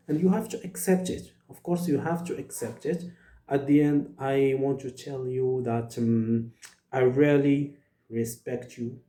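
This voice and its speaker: A man from Morocco, speaking as an in an earnest vlog monologue, pausing often with fillers. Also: mid-range voice, mellow, reverberant. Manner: earnest, many hesitations and fillers. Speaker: vlogger. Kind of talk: direct-to-camera monologue.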